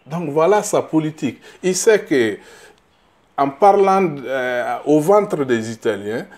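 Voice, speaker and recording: A middle-aged man from Burkina Faso, a political candidate answering interview questions, halting and repeating words as he searches, then growing emphatic. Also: on the high side, expressive, darkish tone.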